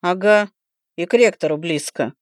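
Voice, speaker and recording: A woman's voice: lowish voice, normal speed, no echo, clean studio sound, lightly acted. A woman reading an audiobook, voicing a young male dragon student who talks in a blunt, teasing, matter-of-fact way. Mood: wry. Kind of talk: audiobook character voice.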